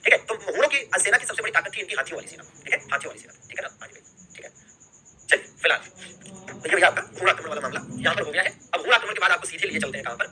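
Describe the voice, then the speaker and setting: A young man with a high, bright, forceful voice lectures a history class live online. After every point he checks in with the students, repeating key terms along the way.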